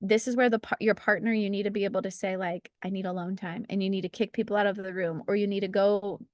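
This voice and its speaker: A woman's voice: medium pitch, little pitch movement, fast, a little mellow, dry recording. Young woman teaching a birth class on a video call, earnest and encouraging, dry close sound, medium voice. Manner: earnest, encouraging, lots of fillers. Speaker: birth educator. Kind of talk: casual workshop teaching.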